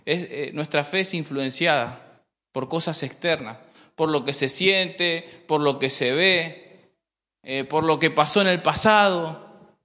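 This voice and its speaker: A man preaching a sermon, addressing the congregation as brothers and often pausing on rhetorical questions. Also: a little high, sharp tone. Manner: repeats and restarts phrases while preaching. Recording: hall reverb.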